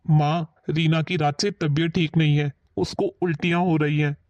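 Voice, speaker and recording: A woman's voice: low-pitched, steady tone, moderate pace, darkish tone, dry recording, dull audio, natural voice. Reproachful grown son, a woman acting, pleading tone, dry sound. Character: grown son, protective of his wife. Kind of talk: family drama acting.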